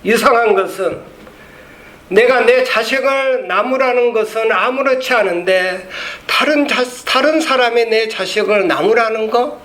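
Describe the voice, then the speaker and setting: A man's voice: very high voice, unhurried, pushed and bright. A male pastor preaching an emphatic sermon and leading the congregation in reading aloud, in a church. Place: church sanctuary. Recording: echoey church room, faint background noise.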